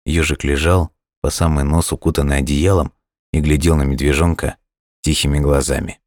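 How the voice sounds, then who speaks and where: A very low male voice tells a children's storybook tale without any hurry. It is a close, dry recording free of echo.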